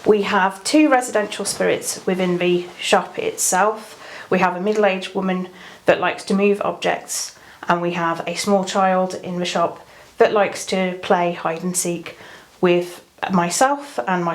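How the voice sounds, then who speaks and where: Fairly low-voiced English woman, explaining informally. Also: rough recording. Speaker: tattoo artist giving an interview.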